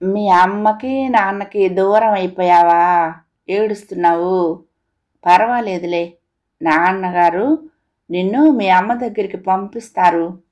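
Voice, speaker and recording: A woman voicing a sweet ten-year-old girl who comforts a crying boy with soft, coaxing words. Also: mid-range voice, takes it slowly, long pauses, lo-fi sound, lightly acted. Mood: comforting.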